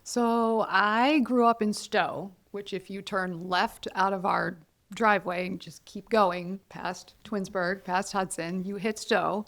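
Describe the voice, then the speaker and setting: A woman in her forties from Ohio, chatting as an interview guest with a gravelly, fry-tinged voice. She speaks candidly and pokes fun at herself. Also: mid-range voice, slow pace. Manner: candid, self-deprecating, quotes others in lively voices. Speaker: guest, college counselor. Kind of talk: casual interview conversation.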